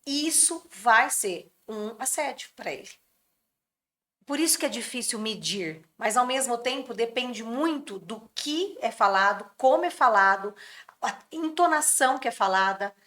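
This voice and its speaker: A fairly high-pitched woman with a sharp tone, a native Brazilian Portuguese speaker, appears as a podcast guest. She earnestly explains workplace mental health in conversation, sometimes acting out what people say.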